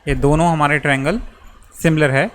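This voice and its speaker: A young male maths teacher patiently guides students through a geometry proof step by step, repeating himself and checking in with "theek hai" as he goes. His slightly high voice is brisk and steady, with a fairly bright tone over faint background noise.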